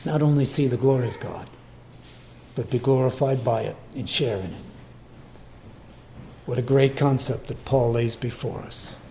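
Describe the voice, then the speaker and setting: A male pastor preaching a sermon, repeating phrases for emphasis and swinging between loud stresses and hushed near-whispers. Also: mid-range voice, normal speed, creaky, pauses often, slight background noise.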